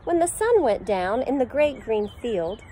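Outdoors on a backyard deck, a middle-aged preschool teacher reads a picture book to children, sing-song and now and then making animal sounds. Her warm voice is on the high side, sing-song at a measured pace. Slight background noise comes through the phone camera, held at arm's length.

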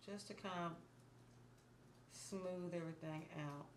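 Speaking a little slowly, this thirtysomething beauty vlogger explains her makeup steps in a calm, teaching tone that sinks to near murmur as she works. Her low voice carries a slight hoarseness. The small room with a plain wall behind her gives an echoey sound with constant background hiss.

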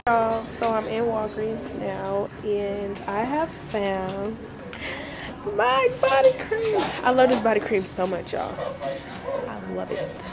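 A woman's voice: fairly high pitch, slow, creaky, very noisy. A young woman, slightly congested, chatting casually through a shopping haul vlog full of fillers. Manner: chatty, relaxed, filler-heavy. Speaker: vlogger.

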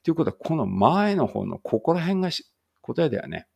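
Gravelly man teaching English read-aloud. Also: a little high, sing-song, darkish tone. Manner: chatty, self-correcting, reads English slowly. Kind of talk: casual read-aloud lesson.

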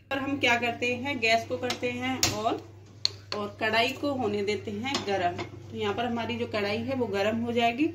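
A woman's voice: fairly high pitch, fairly bright tone, slight background noise. Woman demonstrating a recipe in her kitchen. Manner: explains plainly while cooking, with frequent "dekhiye". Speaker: cooking channel host. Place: home kitchen, indoors.

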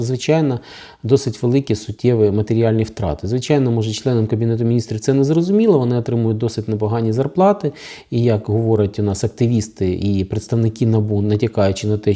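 A warm, mid-range male voice with a Ukrainian accent hosts a legal channel, talking to the camera about new rules. His take is sarcastic and critical, peppered with many fillers.

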